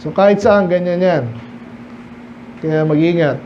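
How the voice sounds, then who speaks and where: A man gives a midweek Bible study sermon in a high voice, reading each verse and then unpacking it in a relaxed, conversational way. He keeps asking his listeners questions. The church recording sounds dull and lo-fi, with a faint hiss behind him. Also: unhurried. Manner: explains English verses in conversational Filipino, rhetorical questions. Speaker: pastor.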